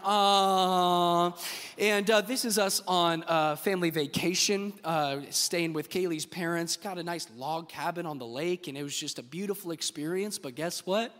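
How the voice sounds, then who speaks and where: Man in his 30s, high-pitched pastor telling funny family stories from the stage; long hall reverb. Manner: lively, joking storyteller talking straight to the crowd. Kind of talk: sermon with personal stories. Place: church stage.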